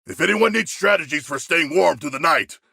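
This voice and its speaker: A huge shark-man warrior from a video game, with a rough, gravelly voice that swings widely in pitch. He speaks in formal, grandiose phrases, courteous and earnest yet hungry for battle. The sound is forceful and close. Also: expressive, brisk, dry recording, heavily acted. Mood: earnest, measured. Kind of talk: video game character voice lines.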